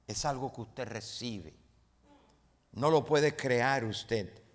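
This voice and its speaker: A pastor preaching a sermon to his congregation, with emphatic delivery that swells to loud peaks and calls for responses from the room. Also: mid-range voice, slow. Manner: emphatic preaching, rising to loud dramatic peaks when retelling the story. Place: church sanctuary. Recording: long reverb of a church hall.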